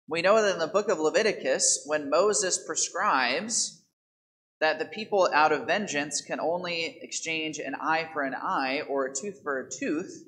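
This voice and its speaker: A man's voice: a little high, a bit bright, low-quality recording. A man in his thirties, a priest giving a daily Mass homily at a church pulpit microphone, explaining scripture and often asking the congregation rhetorical questions.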